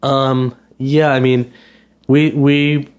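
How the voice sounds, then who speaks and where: The speaker is a restaurant owner from the United States, a guest in a casual interview chat who often restarts and repeats words. He talks very slowly in a medium-pitched, clean-toned voice with little pitch movement.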